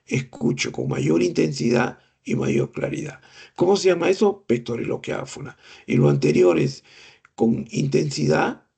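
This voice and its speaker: A middle-aged man lectures on clinical examination with patient explanations, rhetorical questions and imitated breath sounds. His voice is rough, gravelly and husky, pitched a little high. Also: sing-song, measured pace, dark tone. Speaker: medical lecturer.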